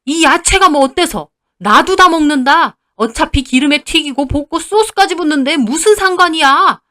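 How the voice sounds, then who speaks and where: A woman voicing a hot-tempered older man who yells in a rage in an audio story. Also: high voice, lively intonation, normal speed, pitched above the performer's own voice. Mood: furious. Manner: shouting in a rage.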